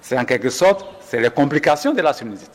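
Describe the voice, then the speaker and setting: In an interview, a male doctor patiently walks through symptoms, often restarting and correcting himself in a measured, explanatory way. His voice sits at medium pitch with lively intonation, trailed by a long reverb tail.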